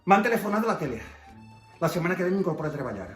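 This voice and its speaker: A man's voice: sits high, big pitch swings, rapid-fire. A man, joking playfully in a comic sketch vlog. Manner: playful, jokey, affectionate. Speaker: comedian and vlog host. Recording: echoey room with music behind.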